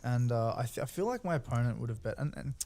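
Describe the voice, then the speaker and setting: A man's voice: medium pitch, animated, fast talker, vocal fry, warm tone. A man giving informal, explanatory strategy analysis as a poker co-commentator, often checking that the listener follows.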